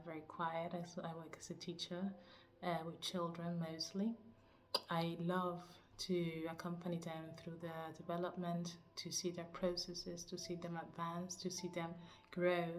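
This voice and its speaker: Soft-spoken woman from Cuba. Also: lowish voice. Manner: soft, searching, laughs often and pauses to find words. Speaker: teacher and spiritual coach. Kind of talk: personal introduction to camera.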